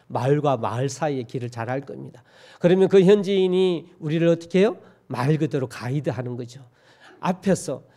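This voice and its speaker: A man's voice: a little high, dark tone. A man from Korea's Gyeongsang region preaching a sermon in a church, folksy and joking, often asking his congregation questions. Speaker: pastor. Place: church sanctuary.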